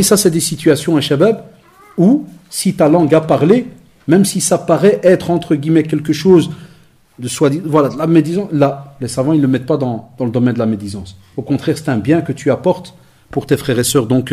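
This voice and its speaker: A man giving a lecture to young people, telling lively stories with acted-out dialogue and Arabic phrases mixed in. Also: on the high side, moderate pace, husky. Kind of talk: conference talk to young people.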